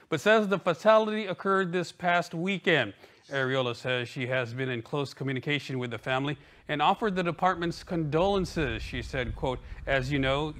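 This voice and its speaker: A man anchors an evening television newscast. His voice sits at a medium pitch as he reads scripted reports in a newsreader's delivery. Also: fairly bright tone. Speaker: news anchor. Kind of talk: scripted TV news reading.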